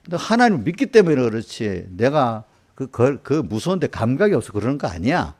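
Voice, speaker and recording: Older male pastor, gravelly mid-pitched voice, chatty sermon with rhetorical questions. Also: sing-song, a little fast, a little mellow. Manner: conversational preaching with rhetorical questions and acted quotes. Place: church sanctuary.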